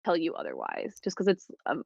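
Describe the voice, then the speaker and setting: A woman's voice: on the low side, a little fast, vocal fry, dry recording. Chatty young woman, dry lo-fi sound. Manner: chatty, fillers, animated retelling. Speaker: guest. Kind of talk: casual chat.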